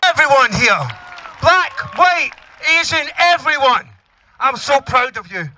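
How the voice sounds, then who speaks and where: A Glaswegian Scottish man speaks to a rally in the open air, his voice pitched very high and ringing bright. He talks straight to the crowd, rousing and defiant, with a faint hum of noise around him. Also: big pitch swings, unhurried, rough recording. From Glasgow, Scotland. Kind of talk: impassioned public speech. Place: outdoor protest in a park.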